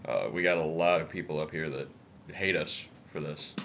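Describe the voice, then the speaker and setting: A man's voice: extremely low pitch, moderate pace, vocal fry, fairly bright tone. A young man chats casually and bluntly, swearing, with chewing tobacco in his lip. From upstate New York, United States. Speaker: video co-host. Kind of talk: casual political chat. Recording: muffled, noisy amateur video audio.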